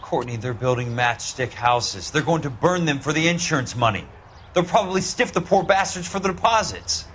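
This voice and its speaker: Tough American investigator, very animated delivery. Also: male voice, on the high side, moderate pace, slight background noise. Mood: grim, blunt. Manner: blunt, sardonic, confrontational. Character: tough, sardonic male war-veteran investigator, hard-boiled and confrontational. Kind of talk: hard-boiled crime game acting.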